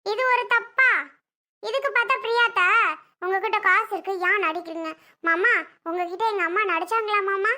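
A woman's voice: very high-pitched, moderate pace, pushed and bright. Woman doing a whiny little girl. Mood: pleading. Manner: whiny, pleading. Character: little girl, pleading and tattling.

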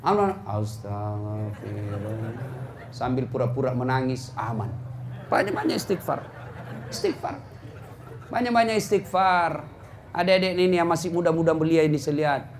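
Middle-aged male preacher with a lilt, high and lively, shouting punchlines, muttering asides; faint crowd ambience. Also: fast, background noise. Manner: animated, jumps from shouts to low mutters, acts out scenes. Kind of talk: comic sermon to a live crowd.

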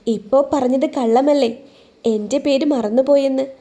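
A woman voicing a young woman in a spoken story who talks softly, pouting and close to tears. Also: high-pitched, moderate pace, close to an everyday voice. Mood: hurt. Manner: soft, pouting, tearful. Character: young woman, timid, hurt and sulky.

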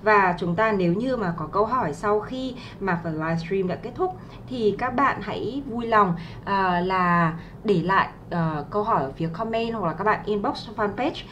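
At a moderate pace, this mid-range, slightly bright female voice comes through with the highs cut off and a little hiss or hum. She's a young livestream tutor helping exam students with English, patient and courteous, full of fillers and friendly tag questions, pronouncing English words with a Vietnamese accent.

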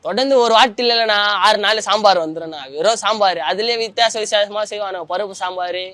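Young man, high, fast, candid. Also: a bit bright, no echo, soft background music. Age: young adult. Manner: colloquial, often trails off searching for words. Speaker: interviewee, former prisoner. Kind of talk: emotional personal account.

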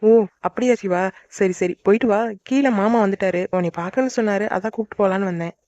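A brisk, caring older sister in a cartoon, voiced by an actor, rattling off instructions very quickly. The sound is dry and muffled. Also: mid-range voice, dark tone, dry recording, close to an everyday voice. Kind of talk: cartoon voice acting.

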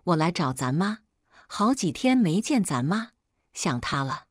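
A woman's voice: lowish voice, very animated, unhurried, dry recording, studio quality. A woman reading a story, voicing a stubborn, pouting young sister-in-law.

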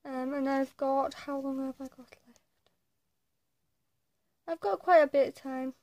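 A young woman with a tongue piercing chatting casually and hesitantly to the camera as a vlogger, pausing often between short phrases. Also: high-pitched, steady tone, darkish tone. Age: young adult. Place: small attic bedroom, indoors. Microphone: phone or webcam at arm's length.

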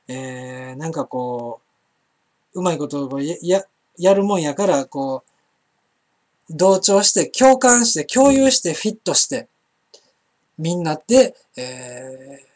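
A man's voice: sits high, a little mellow. A middle-aged man with an Osaka Kansai accent, hosting a casual live-stream chat and rambling with many fillers as he reads viewer comments. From Osaka, Japan. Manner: chatty, rambling, frequent fillers and restarts. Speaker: internet broadcast host.

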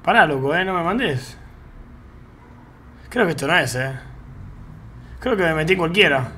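A man's voice: fairly high pitch, lively intonation, moderate pace, bright, forceful tone, slight background noise. A man with an Argentine Rioplatense accent, chatting casually with his live-stream chat in slangy, easygoing talk while he plays a game. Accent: Argentine Rioplatense Spanish. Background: faint game music.

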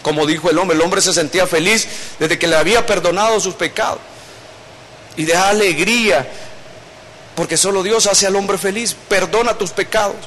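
A man's voice: high voice, steady tone, normal speed, a bit bright, a little hiss or hum. A male pastor, preaching a sermon in a conversational storytelling way. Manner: conversational storytelling preaching, acting out quoted voices.

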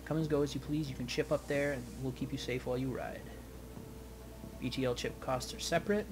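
A man's voice: medium pitch, steady tone, brisk, close to an everyday voice. A man voicing a bored male gate guard from a video game in a droning manner, reading the dialogue aloud. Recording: game music behind the voice.

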